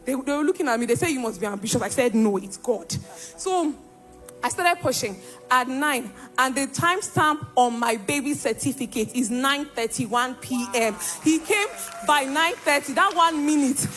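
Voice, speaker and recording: A woman's voice: high voice, moderate pace, fairly bright tone, faint music behind. Woman giving an emphatic testimony. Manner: emphatic storytelling, acting out dialogue. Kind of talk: church testimony.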